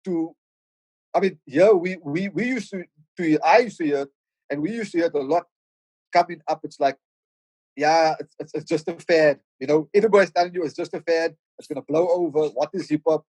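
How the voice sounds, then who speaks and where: Here a rapper and producer from the Cape Flats in Cape Town, South Africa, middle-aged and Cape Town-accented, guests on a casual podcast. His slightly high, slightly mellow voice moves briskly through reflective thoughts full of stammered restarts. The recording is dry and low-quality.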